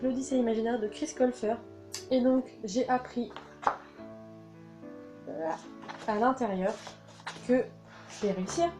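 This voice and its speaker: A young woman presenting her new books in a casual vlog, enthusiastic and full of fillers and repeated words. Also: high-pitched. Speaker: book vlogger. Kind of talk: casual book haul chat. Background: soft background music.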